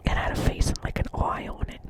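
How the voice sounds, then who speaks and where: Whispered New Jersey receptionist role-play. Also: fast. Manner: rambling, earnest, repeats phrases and often checks in. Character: chatty, dreamy, earnest receptionist at a doctor's office.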